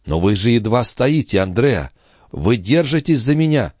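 A man's voice: medium pitch, sing-song, normal speed, dry recording, studio quality, voice pushed up. Man voicing a worried young brother. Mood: worried, tender. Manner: concerned, gently questioning.

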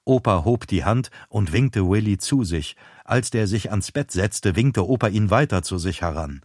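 Low-voiced guy calmly reading an audiobook, close mic, totally dry sound. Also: moderate pace, dry recording. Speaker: audiobook narrator. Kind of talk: scripted narration.

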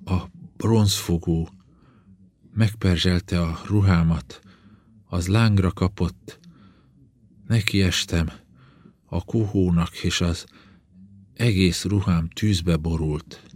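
A man reading the part of a young princess badly burned in a fire, speaking haltingly and in pain. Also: sits low, steady tone, a little mellow. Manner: halting, pained, breaking into screams.

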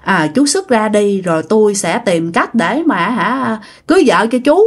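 A woman with a Mekong Delta accent voicing an older male exorcist who speaks softly and pleads patiently. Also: mid-range voice, expressive, normal speed. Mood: pleading. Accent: Southern Vietnamese (Mekong Delta).

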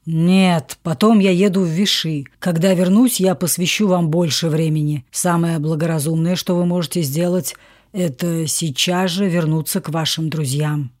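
Woman reading a hoarse, dismissive husband, low and mellow, in an audiobook. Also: fairly even intonation, normal speed, lightly acted. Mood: curt, sleepy. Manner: curt, dismissive. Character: weary man, husband roused from sleep.

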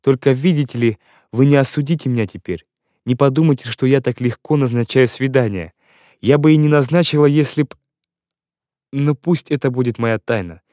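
A man voicing a shy, earnest young woman in an audiobook, speaking in a gentle, measured way. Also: medium pitch, no echo, studio quality, close to an everyday voice. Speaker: audiobook reader. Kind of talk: audiobook character reading.

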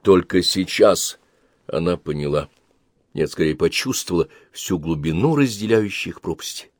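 Man, audiobook narrator, dramatic, low voice, dry close sound. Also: normal speed, dry recording. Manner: expressive, dramatic. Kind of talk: audiobook reading.

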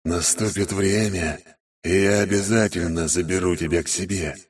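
A man narrating an audiobook, voicing Death as a cold male spirit that speaks slowly and quietly in a husky hiss. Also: sits low, fairly even intonation. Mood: ominous. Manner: slow and quiet.

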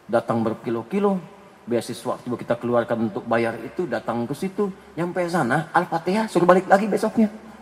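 A man preaching a sermon full of humorous anecdotes, lively, moving between loud emphasis and hushed asides. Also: medium pitch, a little fast, slight background noise. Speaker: Islamic preacher. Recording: long hall reverb.

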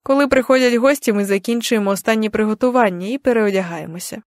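A young adult woman narrating an audiobook in the first person, with even, gentle storytelling. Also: fairly high pitch, fast, no room sound, studio quality.

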